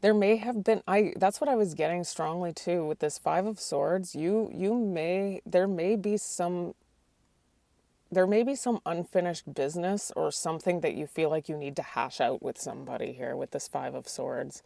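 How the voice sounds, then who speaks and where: Speaking at a moderate pace, a woman with a creaky, dark voice on the low side reads tarot cards as she loses her voice. She falters, begins her sentences again and again, and questions the cards aloud, with no room sound.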